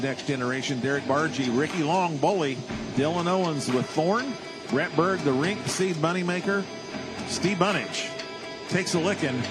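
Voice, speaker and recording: A man working as a tractor pull announcer, calling out names and distances live and repeating them for the crowd. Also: medium pitch. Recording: loud engine and vehicle noise. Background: roaring vehicles at an outdoor track.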